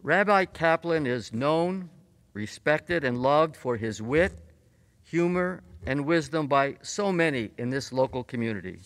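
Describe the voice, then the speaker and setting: A college president giving a formal, solemn ceremonial address and introducing the speaker. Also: male voice, on the high side, animated, a bit bright, no room sound, big-room sound. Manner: measured, solemn delivery.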